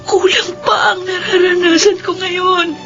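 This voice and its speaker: A woman's extremely high, level-toned voice moves a little slowly, playing a devoted wife who tearfully pleads and prays for her injured husband. It's Filipino radio drama acting in a praying mood, heard as a lo-fi radio recording with music.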